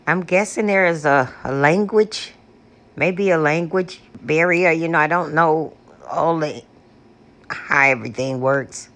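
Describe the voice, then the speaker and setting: Out on her front porch, a woman paranormal vlogger with a low, coarse voice slowly and gently pleads with spirits, calling out again and again in hushed tones. Between invocations she chats casually with her viewers, captured through an external mic.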